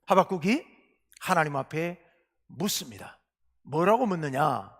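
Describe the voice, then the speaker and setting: A male pastor preaching a sermon, asking questions and answering them himself, moving between hushed asides and loud, impassioned cries. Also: fairly high pitch, sing-song, a little slow. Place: church sanctuary. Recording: long reverb of a church hall.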